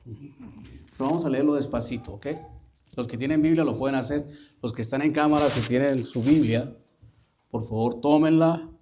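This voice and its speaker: A male priest giving a sermon, asking the congregation questions and repeating lines slowly for emphasis. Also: mid-range voice, dark tone, slight background noise. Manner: questioning the listeners, slow emphatic reading.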